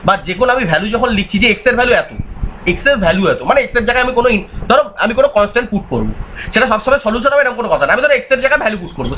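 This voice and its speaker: High, bright-voiced math teacher. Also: male voice, slight background noise. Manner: repetitive, quizzing, voices imagined student answers. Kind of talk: recorded online exam-prep lecture.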